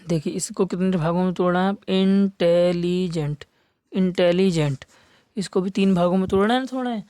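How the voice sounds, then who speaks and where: Male exam-prep tutor, mellow and patient, spells things out, dry close sound. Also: high-pitched, dry recording. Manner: spells words letter by letter and repeats key terms; stretches words slowly for emphasis. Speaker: English teacher for competitive exams. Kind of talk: classroom lesson.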